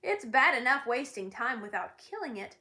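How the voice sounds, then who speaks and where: A woman voicing a large, impatient watchdog with a ticking clock body, in a storybook reading, gruff and scolding. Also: fairly high pitch, big pitch swings, moderate pace, sharp tone. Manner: growling, barking, scolding.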